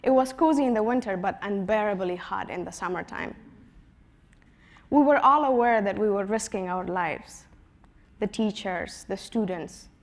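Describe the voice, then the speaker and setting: A woman in her twenties from Afghanistan, giving a prepared personal talk in an earnest storytelling manner, her voice dropping softly at the ends of phrases. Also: medium pitch, normal speed. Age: 20s. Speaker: conference speaker.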